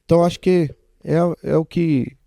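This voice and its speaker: A man's voice: fairly high pitch, fairly even intonation, normal speed, creaky, warm tone, no echo, studio quality. A Brazilian man, a guest apostle, telling a testimony animatedly and acting out the dialogue. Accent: Brazilian Portuguese. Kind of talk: testimony storytelling.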